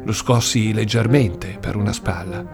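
A man narrating a first-person story in a steady, storytelling manner. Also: on the low side, measured pace, vocal fry. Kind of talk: audiobook narration. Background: soft guitar music.

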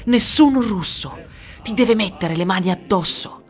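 A reader voicing a desperate teenage boy who shouts for a gun, over music. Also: medium pitch, expressive, unhurried, natural voice. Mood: choked up. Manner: shouting, emotional. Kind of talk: audiobook character reading.

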